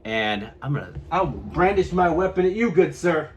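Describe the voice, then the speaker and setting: A man's voice: on the high side, very animated, normal speed, muffled recording, a little hiss or hum. A young man from California, telling a vlog story to camera and acting out what others said. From California, USA. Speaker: vlogger.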